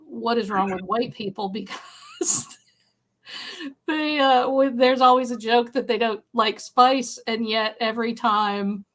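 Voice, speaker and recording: A woman's voice: fairly high pitch, measured pace, a bit bright. A woman in her fifties co-hosting a podcast, telling stories in a wry, irreverent casual chat. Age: 50s. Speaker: podcast co-host.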